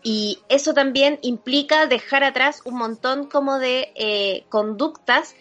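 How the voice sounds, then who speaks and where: A woman's voice: sits high, a little slow, a bit bright. A young woman with a Chilean accent, chatting casually as a podcast co-host. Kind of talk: casual chat. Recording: dull lo-fi audio.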